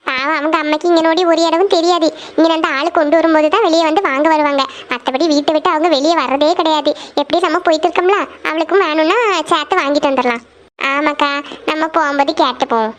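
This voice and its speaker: A woman voicing a quick, high-voiced young cartoon woman. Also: lightly acted. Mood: casual. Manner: chatty, playful. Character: young women, warm and playful. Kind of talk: cartoon voice acting.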